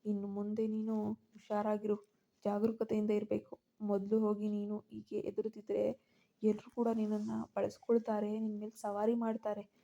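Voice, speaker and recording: A woman voicing a hot-tempered young man who scolds his frightened cousin in quick, forceful bursts, in a storybook reading. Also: high voice, monotone, gravelly, lo-fi sound. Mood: stern.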